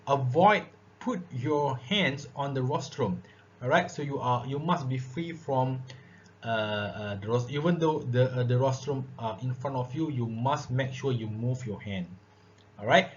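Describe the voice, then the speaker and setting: A male lecturer teaches a classroom lesson on public speaking, his phrasing full of "uh" and repeated "all right" and "okay." His voice is at an ordinary middle pitch. The recording sounds dull and lo-fi, with faint hiss beneath it.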